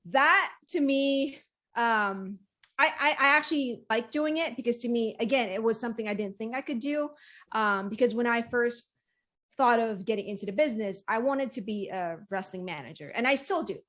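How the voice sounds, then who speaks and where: A woman's voice: on the high side, animated, normal speed, fairly bright tone. A woman chatting casually as an interview guest, telling her own story in an easygoing conversational way. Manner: smiles and laughs often. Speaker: wrestling ring announcer and commentator, interview guest.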